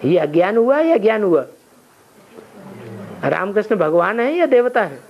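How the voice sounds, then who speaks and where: Male spiritual teacher, quizzes his listeners and answers himself, muffled low-fi recording. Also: very animated, a little slow. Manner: asks rhetorical questions and answers them himself. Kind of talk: spiritual class, question and answer. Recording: dull lo-fi recording with faint noise.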